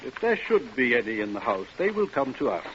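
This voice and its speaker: A man's voice: mid-range voice, big pitch swings, a little fast, a bit bright. An actor playing an earnest older male doctor of ghost research, formal and scholarly, in 1950s radio drama. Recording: dull, noisy old radio recording.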